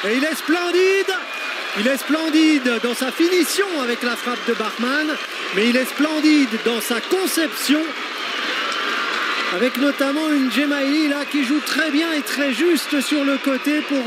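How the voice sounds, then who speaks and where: A man giving excited live football commentary, exclaiming and repeating phrases for emphasis. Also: extremely high pitch. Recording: loud stadium crowd noise behind commentary. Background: stadium crowd and loud outdoor ambience.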